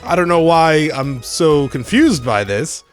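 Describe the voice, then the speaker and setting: Guy doing casual let's play chatter, rambly, really lively pitch, game music behind him. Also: measured pace. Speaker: let's player and host. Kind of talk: casual gaming commentary.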